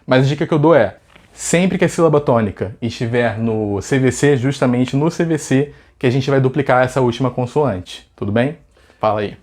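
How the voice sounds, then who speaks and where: Chatty Brazilian English teacher. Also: male voice, mid-range voice, moderate pace, darkish tone, slight background noise. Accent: Brazilian Portuguese. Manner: chatty, asks rhetorical questions. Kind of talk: casual video lesson.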